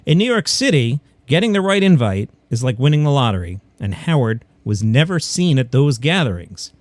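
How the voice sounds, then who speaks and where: The host of this comedy news podcast is a man with a medium-pitched voice that swings widely in pitch. At a moderate pace he reads stories and slips in wry, opinionated asides, partly scripted, in a dry recording.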